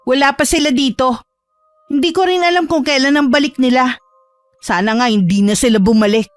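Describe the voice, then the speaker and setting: A woman's voice: high voice, brisk, dry recording, soft background music, lightly acted. A woman playing a bitter scheming rival. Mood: hostile. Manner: sharp, rude, defensive. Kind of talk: radio drama acting.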